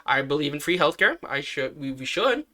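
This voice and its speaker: A man talking in a casual commentary vlog, rambling with many fillers and sudden jumps up in pitch. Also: very animated, normal speed, bright, forceful tone. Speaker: vlogger.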